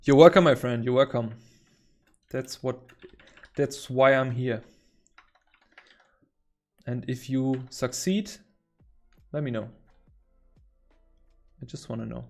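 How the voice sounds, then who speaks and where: A chatty man in a relaxed livestream, talking loosely while he works on a drawing. His pitch sits in an ordinary middle range, and he rambles and is quick to find things funny. Soft music plays faintly behind him. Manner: chatty, rambling, easily amused. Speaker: artist streaming while drawing. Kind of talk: casual livestream chat. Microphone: headset.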